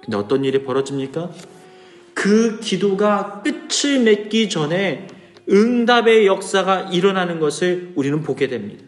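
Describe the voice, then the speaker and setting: A man's voice: high voice, lively intonation, normal speed. A pastor preaching a sermon, asking his congregation rhetorical questions and pleading with feeling as he voices the psalmist. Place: church hall. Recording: echoey church with soft music behind.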